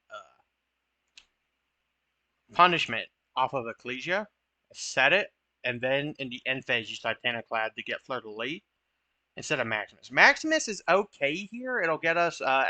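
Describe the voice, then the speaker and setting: A young man chats casually over his own card game matches, cracking jokes about his misplays. His medium-pitched voice has a sharp tone, and the recording is dry. He's talkative and self-deprecating, swearing now and then.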